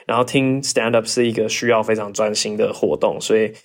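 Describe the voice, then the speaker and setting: A man hosting a casual podcast, reading listener questions and answering with animated, mock-exasperated rants and jokey asides. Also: lowish voice, brisk. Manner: mimics accents in bursts of English. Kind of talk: casual chat.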